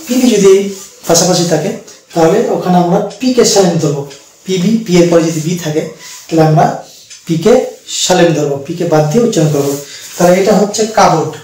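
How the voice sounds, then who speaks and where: A man teaching an English pronunciation lesson, explaining slowly and repeating each word. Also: high voice, darkish tone, very echoey, recorded from a distance, a little hiss or hum, rough recording. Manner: slow, repetitive explaining with fillers.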